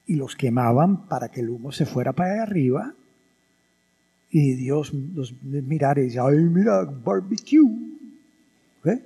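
A male priest preaching a sermon in an animated teaching manner, throwing rhetorical questions at the congregation. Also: medium pitch, normal speed, breathy edge. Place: church. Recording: reverberant church hall.

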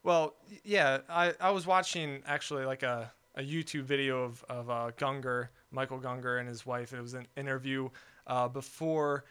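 A man's voice: medium pitch, steady tone, normal speed, fairly bright tone, smooth. A young man talking casually in a discussion, rambling with many fillers and restarts. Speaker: podcast guest.

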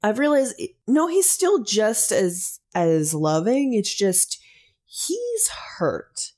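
A young woman in casual fan chat, rambling through recaps with wry humor and frequent laughter. Her voice sits at an ordinary middle pitch. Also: very animated, slow, darkish tone.

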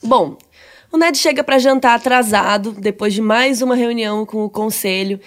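Mulher brasileira de voz aguda e brincalhona. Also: female voice, on the high side. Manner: jokey, slangy, retells scenes in quick quoted voices. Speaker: podcast co-host. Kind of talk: casual chat about a book.

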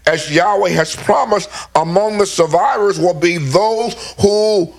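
A man's voice: high-pitched, unhurried, vocal fry. A man teaching scripture in an emphatic, repetitive way, reading verses aloud and explaining them. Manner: emphatic, repeats himself while reading verses.

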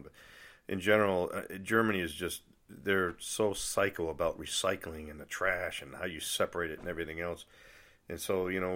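Deep-voiced rambling man. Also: a bit bright. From United States. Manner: rambling, exasperated, many fillers and restarts. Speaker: vlogger. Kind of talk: casual monologue to camera.

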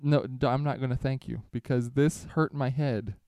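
A man's voice: mid-range voice, fairly even intonation, normal speed, a little mellow, dry recording. A man co-hosting a casual comedy podcast, speaking sarcastically and with mock exasperation. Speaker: podcast co-host.

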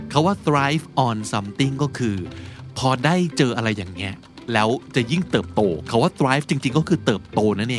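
A man hosting a podcast, teaching English words in a chatty, casual way and reading example sentences slowly. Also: mid-range voice. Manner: chatty, explains with slow read-out example sentences. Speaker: podcast host. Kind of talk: casual English vocabulary lesson.

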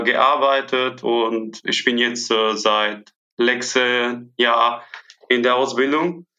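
An Italian man in his twenties, an airport trainee whose first language is Italian, answers podcast interview questions hesitantly with many filler sounds. His voice is medium-pitched and sharp in tone, and the recording is muffled.

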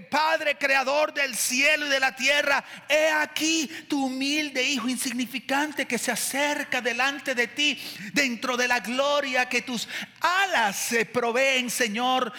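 A man parodying someone praying in overblown, solemn, drawn-out tones. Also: very high-pitched, fairly even intonation, pushed and bright, long reverb tail, voice pushed up, full character voice. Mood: grandiose. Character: pompous man praying in lofty churchly tones.

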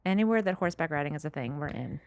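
A woman's voice: sits low, expressive, very fast, gravelly, dry recording. A woman co-hosting a podcast in casual, enthusiastic, giggly chat. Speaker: podcast co-host.

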